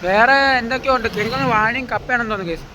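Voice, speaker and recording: A man's voice: very high voice, racing, crowd noise. A young man in casual vlog chat, mixing English into Malayalam and often addressing the viewers directly. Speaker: friend on the trip. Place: outdoors and on the road. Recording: noisy outdoor phone audio, vehicle sounds.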